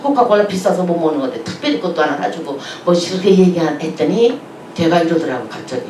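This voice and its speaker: Brief: middle-aged woman pastor, chatty sermon storyteller, bright lively pitch, echoey hall, mic at a distance. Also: fast talker, slight background noise. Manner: lively, chatty, laughs while telling stories.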